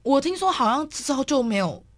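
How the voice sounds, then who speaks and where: A young woman with a Taiwanese accent in casual podcast chat, agreeable and quick to chime in on her co-host's sentences. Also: high voice, very animated, a loud crowd. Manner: agreeable listener, chiming in and finishing the other's sentences. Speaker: podcast co-host.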